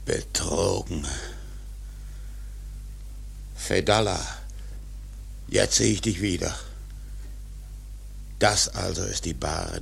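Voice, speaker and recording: An actor playing an obsessed, doomed old whaling captain in a radio drama, brooding and commanding with a gravelly voice. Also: male voice, low-pitched, fairly bright tone, exaggerated voice. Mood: bitter, defiant.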